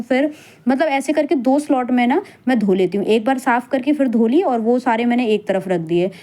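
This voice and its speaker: A woman's voice: on the high side, mellow. A woman in her thirties, a working mother and vlogger, talking casually and earnestly to viewers with many fillers as she gives advice. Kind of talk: casual voice-over chat with viewers.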